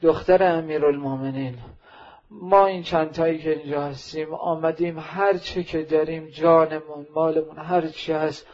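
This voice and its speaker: A bold elder warrior shouts for his comrades and pledges everything, loud and commanding, as a male preacher acts him out. The voice is husky and fairly high. The recording is dull and lo-fi. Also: fairly even intonation. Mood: rallying. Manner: loud commanding quoted calls. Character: elder male warrior rallying companions boldly.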